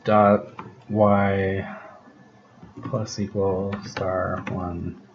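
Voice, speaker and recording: A man's voice: low voice, level tone, very slow. A man casually explaining code step by step and thinking aloud as he works, his voice a little worn. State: losing his voice. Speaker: programming tutor. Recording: dull lo-fi recording with background hiss.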